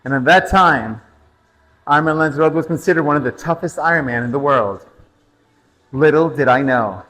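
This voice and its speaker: Motivational cycling coach with reverb. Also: male voice, fairly high pitch, normal speed, a bit bright. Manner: motivational, counts down intervals, breathing cues. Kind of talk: spin class coaching mixed with personal storytelling.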